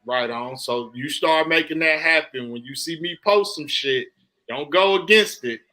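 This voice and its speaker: Impassioned man, bright forceful voice. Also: fairly high pitch, a little slow. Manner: impassioned soapboxing, emphatic and repetitive; casual, slangy, profane speech. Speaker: podcast host. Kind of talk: conversational podcast monologue.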